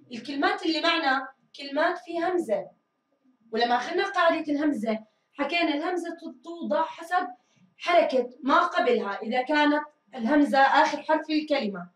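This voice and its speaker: A woman teacher giving a grammar lesson, drilling answers and stretching words slowly. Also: sits high, recorded from a distance. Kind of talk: recorded classroom grammar lesson. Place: school studio room. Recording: echoey room, mic set back.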